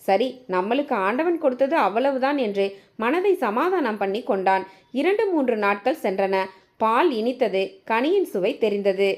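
Woman storyteller, fairly high and very animated delivery, reads a family tale aloud. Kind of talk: scripted story narration.

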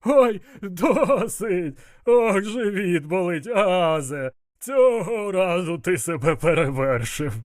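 A man's voice: on the high side, very animated, slow pace, few pauses, clear, resonant tone, pitched above the performer's own voice. A man voicing a jovial, scheming older male gang boss who laughs a lot, in an audiobook. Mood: amused. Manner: boisterous, laughing.

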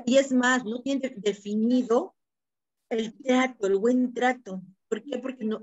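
A woman's voice: on the high side, muffled recording. A woman instructor with a Peruvian Spanish accent, giving advice in an online class and ending points with "¿no?". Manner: advising, tag questions "¿no?". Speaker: college instructor.

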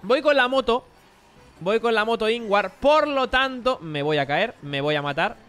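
A young man commentating his own kart race, joking and swinging mumbled asides to loud yelps. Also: sits high, expressive, normal speed, faint music behind. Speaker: gaming streamer. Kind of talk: excited live gameplay commentary.

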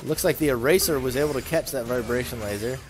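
A man commentating a video game tournament, calling the action play by play with brisk, excited energy. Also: mid-range voice, music in the background.

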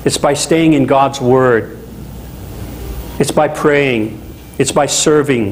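A middle-aged man from Louisiana preaching a sermon as a pastor in a small chapel, talking in a conversational, animated way with asides. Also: mid-range voice, slow pace, a little hiss or hum, poor audio. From Louisiana, USA.

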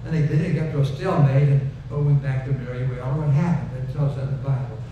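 Speaking quickly in a warm, steady, medium-pitched voice, the older preacher gives a folksy sermon full of repeated phrases and closes by leading a prayer. A headset mic at the pulpit of the wood-paneled church stage picks him up, though the recording is echoey, far-off, dull and noisy.

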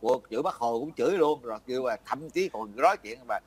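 Older Vietnamese man, fast rambling chat. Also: medium pitch, lively intonation, breathy edge. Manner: rambling, self-interrupting, laughs often. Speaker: interviewee. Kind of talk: casual chat.

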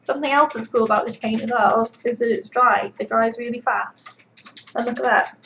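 A woman's voice: a little high, fairly even intonation, moderate pace, creaky, a bit bright. A woman sculptor chatting casually on a livestream while she paints, rambling along with plenty of fillers. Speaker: sculptor livestreaming her work. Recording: dull lo-fi stream audio with faint background noise.

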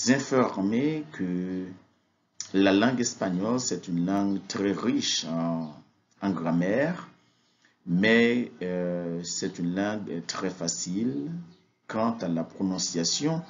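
A very deep-voiced man teaches a language lesson at an unhurried pace. He hesitates often and repeats words for practice. The recording sounds dull and lo-fi. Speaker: Spanish teacher.

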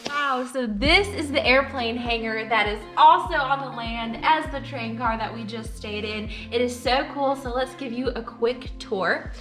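Bubbly young woman giving a home tour. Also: high voice. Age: young adult. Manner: bubbly, gushing. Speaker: travel vlogger. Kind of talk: casual home tour narration. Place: indoor hangar home. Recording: roomy echo with faint music.

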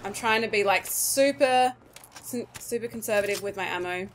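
A woman's voice: mid-range voice, normal speed, a little hiss or hum. A woman giving casual commentary over her own gameplay, nervous, swearing and pleading with the game. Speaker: gaming YouTuber.

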